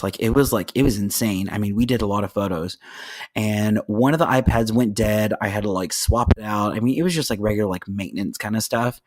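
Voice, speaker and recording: A man's voice: on the low side, darkish tone. Man in his thirties, podcast host, chatty storytelling, acts out voices. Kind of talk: casual storytelling chat.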